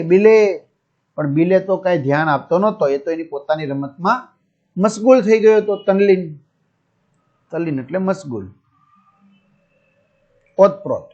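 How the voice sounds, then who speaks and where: A man's voice: high-pitched, darkish tone. A man teaching young pupils, reading a story aloud, restating each line in simpler words and checking in with his listeners. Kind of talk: reading and explaining a school lesson. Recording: dull lo-fi sound.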